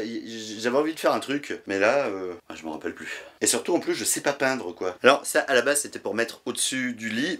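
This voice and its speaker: A man chatting casually in a vlog while clearing out a closet at home, rambling, swearing and poking fun at himself. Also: mid-range voice, fairly bright tone. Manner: rambling, swearing, self-mocking. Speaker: YouTuber. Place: cluttered apartment, clearing a closet.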